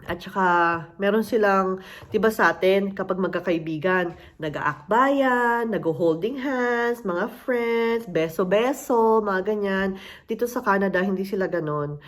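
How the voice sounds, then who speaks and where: A woman's voice: medium pitch, measured pace. A Filipino woman with a Filipino accent, telling her story in a casual, conversational way and slipping English phrases into her talk. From Philippines. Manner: conversational, mixes in English phrases, acts out other people's voices. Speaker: interviewee sharing her immigrant story.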